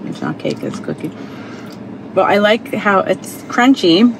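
A woman's voice: mid-range voice, animated, a little slow. A woman in her forties hosting a casual taste-test vlog from a parked car, chatty and explaining as she goes. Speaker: vlog host. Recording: noisy car interior.

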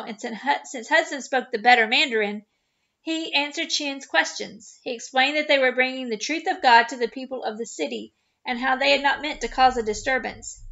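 A woman reading a chapter book aloud to children, with steady, expressive narration. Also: high voice, highs cut off. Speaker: children's ministry storyteller.

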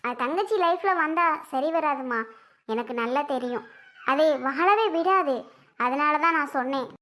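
Woman doing a sulky pregnant young wife in a family skit, high voice, weary and defiant. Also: expressive, normal speed, bright, forceful tone.

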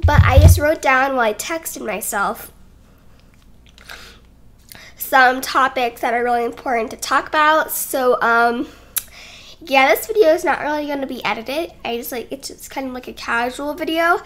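Young woman, high voice, bright tone, chatty, rambling, slightly breathless, home vlog. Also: moderate pace. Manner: chatty and rambling, giggly, self-conscious. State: a little out of breath. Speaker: YouTuber. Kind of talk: casual sit-down vlog talk. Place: home, indoors. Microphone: desk microphone.

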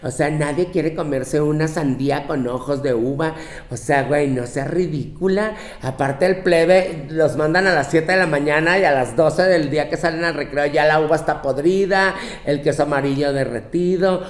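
A man's voice: fairly high pitch, normal speed, lightly acted. A man doing a brash, scolding Mexican woman. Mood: sassy ranting. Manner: brash, profane, scolding, with mocking quoted voices. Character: sassy, bossy young Mexican woman lecturing her girlfriends. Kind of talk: comic advice monologue. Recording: roomy, echoey room.

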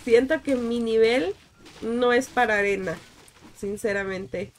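A woman's voice: fairly high pitch, a little slow, a little hiss or hum. A young woman from Guatemala with a Guatemalan Spanish accent, casually chatting with viewers as she plays on a live stream, greeting and thanking them by name. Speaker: gaming streamer. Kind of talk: casual live-stream chat while playing.

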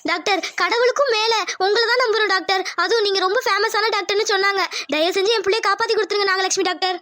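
A grieving village mother in a cartoon, begging and wailing over her son, as a woman voices her. Her voice is pitched up and squeaky, and she talks quickly. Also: steady tone, bright, forceful tone, no echo.

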